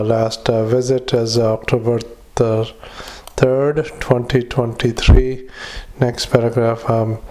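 A man, a psychiatric clinician, dictating a clinical note into a dictaphone, halting with many fillers and speaking punctuation and paragraph breaks aloud. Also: mid-range voice, darkish tone.

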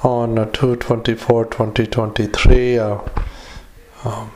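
A man with a mid-pitched, very flat voice dictates clinical notes. He speaks as a doctor would into a recorder, haltingly and matter-of-factly, with many hesitant pauses between short phrases. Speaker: doctor dictating a psychiatric evaluation. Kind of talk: medical dictation with spoken formatting cues.

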